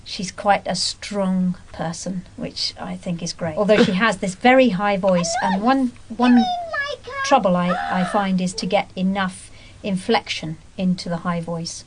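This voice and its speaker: A woman voice actress giving measured, thoughtful interview answers about her character. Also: medium pitch, steady tone, poor audio.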